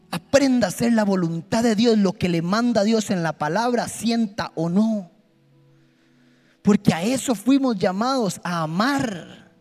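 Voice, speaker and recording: High-voiced man preaching slowly. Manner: impassioned, emphatic, swings between soft and loud. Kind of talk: sermon. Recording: long hall reverb with faint music.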